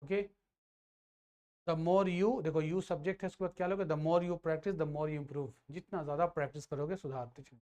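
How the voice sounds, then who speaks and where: A man's voice: on the high side, steady tone, moderate pace, a little mellow. Man quizzing through a grammar lesson. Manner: asks and answers his own questions. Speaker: grammar teacher. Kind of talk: classroom lecture.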